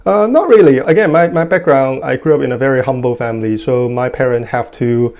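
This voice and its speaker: Young man, hong kong accent, gravelly voice, thoughtful, lots of fillers, dull lo-fi line. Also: mid-range voice, a little fast, darkish tone. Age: 20s. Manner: thoughtful, many fillers and tag questions. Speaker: guest. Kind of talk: interview answers.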